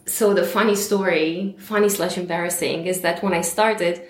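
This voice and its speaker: A woman's voice: lowish voice, steady tone, normal speed, echoey room. A woman in her thirties from Romania, a guest on an interview podcast, telling her story in a chatty way with frequent laughs. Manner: warm and chatty, laughs often, uses fillers.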